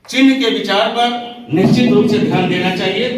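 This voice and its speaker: Man teaching, high voice, quizzes the class, sounds far off in a big echoey room. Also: a little fast, background noise. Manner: explains step by step, quizzing the class. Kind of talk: classroom lecture on grammar and writing. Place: training room. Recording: echoey hall, far from the mic.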